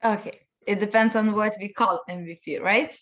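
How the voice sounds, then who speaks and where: A woman's voice: mid-range voice, fairly even intonation, a bit bright. Woman lecturer, casual moderation, muffled call audio. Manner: friendly, halting with fillers. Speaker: seminar lecturer. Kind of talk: online seminar moderation.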